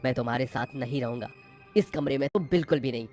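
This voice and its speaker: A man's voice: mid-range voice, fast, natural voice. Guy doing furious young husband in a cartoon, curt and harsh, faint music behind. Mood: angry. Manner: curt, shouting.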